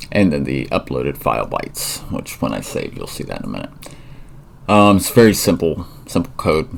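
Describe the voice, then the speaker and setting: A tired, yawning tutorial presenter talks through a coding tutorial in a very deep, gravelly voice whose pitch wanders in a lively way. He thinks aloud, trailing off into fillers and correcting himself, over a faint hiss in the recording.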